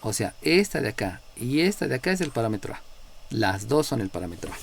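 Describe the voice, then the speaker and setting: A man's voice: mid-range voice, very animated, fairly quick, vocal fry, slight background noise. Mexican man teaching a math class. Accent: Mexican Spanish. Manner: explanatory, checks in with frequent "¿no?", calls on students by number. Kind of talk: live class lecture.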